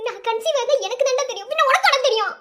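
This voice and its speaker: Woman doing a squeaky whiny cartoon girl. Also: animated, very fast, a bit bright. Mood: whiny tearful. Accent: Madurai Tamil. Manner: whiny, giggly, scolding. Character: young woman, flustered and teasing. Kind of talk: cartoon voice acting.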